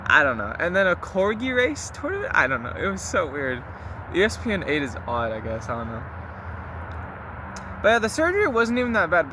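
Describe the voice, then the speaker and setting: A young man with a slightly high voice talks as if to his diary, casual and confessional. He rambles in loose slang with the odd mild swear. Clear ambient noise, like traffic outside, sits behind him. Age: young adult. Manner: rambling, slangy, mildly profane. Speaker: vlogger recording a spoken diary. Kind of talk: casual confessional chat to listeners.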